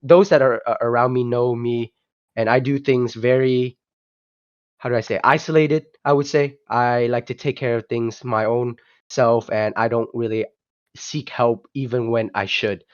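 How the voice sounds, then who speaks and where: The guest here is a young man from Vietnam who founded a project, speaking casually in a podcast interview over an online call. He has a medium-pitched, steady voice at normal speed, but he hesitates, restarts a lot, and says "you know" frequently. The lo-fi call audio is dull, without echo.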